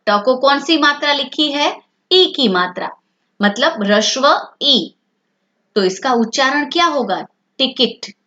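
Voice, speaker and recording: Slow, patient woman teacher. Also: a little high, fairly bright tone. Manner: asks questions and answers them herself. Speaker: language teacher. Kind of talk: explaining a language lesson to children. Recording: dull lo-fi sound.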